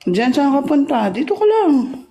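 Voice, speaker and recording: A woman's voice: high-pitched, big pitch swings, a little slow, mellow, a little hiss or hum. A woman hosting a casual livestream off camera, chatting, greeting and thanking viewers, and teasing them playfully. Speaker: livestream host. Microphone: phone, off camera voice-over.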